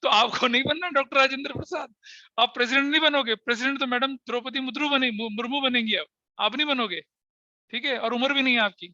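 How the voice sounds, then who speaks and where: A middle-aged man with a very high voice lectures an online accountancy class, speaking fast in a pushed, bright tone. He addresses his students directly, blends Hindi and English terms, and alternates between joking and scolding. The audio is lo-fi and dry, with no room sound.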